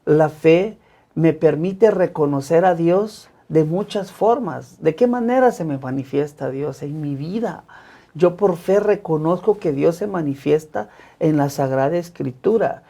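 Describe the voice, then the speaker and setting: Un hombre religioso católico que cuenta su testimonio de fe en una entrevista, de manera sincera y con repeticiones enfáticas. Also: male voice, on the high side, animated, a little slow, gravelly, warm tone. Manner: earnest, emphatic repetitions. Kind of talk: personal faith testimony in conversation.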